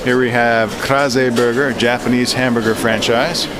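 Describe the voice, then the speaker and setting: A man's voice: medium pitch, steady tone, normal speed. A man giving a casual, chatty walk-and-talk travel narration, pointing out what he passes as he goes. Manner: chatty running commentary, pointing things out as he walks. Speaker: vlogger and tour guide. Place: walking through a busy train station and its surroundings. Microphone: handheld action camera. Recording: clear outdoor station and street noise.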